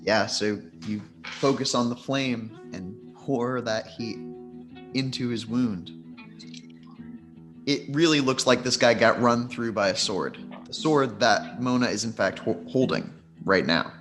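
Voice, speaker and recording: A man running a tabletop role-playing game, describing scenes and rulings at an unhurried pace. His voice sits at an ordinary pitch, with faint guitar music behind him. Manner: measured, relaxed narration with fillers. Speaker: game master.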